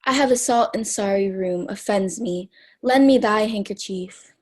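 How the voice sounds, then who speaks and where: A young woman playing a husky jealous general. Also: mid-range voice, normal speed, darkish tone, natural voice. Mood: probing. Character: jealous suspicious male general, a grown man. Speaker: student actor. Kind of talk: amateur Shakespeare scene reading.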